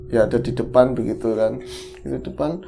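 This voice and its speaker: A man, hosting a podcast and telling a story in casual chat, animated and acting out the characters. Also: mid-range voice, fairly quick, creaky, faint music behind. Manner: animated, acts out characters in quotes.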